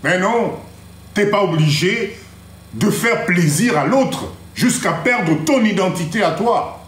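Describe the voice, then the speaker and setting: Animated man hosting a live stream. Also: high-pitched, takes it slowly, reverberant. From Congo-Kinshasa. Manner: animated, mixes French with Lingala, mimics others in skits. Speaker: live stream host giving motivational advice. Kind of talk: motivational live stream talk.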